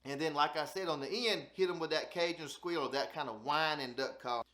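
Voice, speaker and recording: A man with a Southern accent from Alabama talks in a slightly high-pitched voice. He teaches like a down-home channel host, casual and folksy, often doubling words for emphasis. The recording is noticeably echoey. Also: brisk, pushed and bright. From South Alabama, United States. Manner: folksy, repeats phrases for emphasis. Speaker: host of a duck hunting channel. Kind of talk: casual instructional talk.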